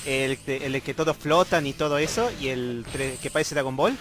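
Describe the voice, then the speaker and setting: An Argentine man hosting a casual chat while playing a fighting game, bursting into loud excited yelps. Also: mid-range voice, normal speed. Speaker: channel host, gamer. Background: game music.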